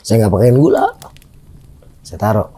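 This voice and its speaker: A man's voice: fairly low pitch, normal speed, slightly rough. A middle-aged man, telling a personal anecdote as a guest in casual conversation and acting out the dialogue in it. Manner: animated, re-enacts dialogue in his story. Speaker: guest storyteller.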